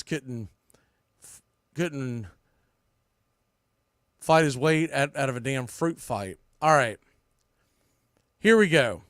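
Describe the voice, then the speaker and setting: A man with a voice on the high side hosts a sports podcast, bluntly recapping with strong opinions. He rants, curses a little, and repeats phrases for effect; the studio sound is clean with no room sound.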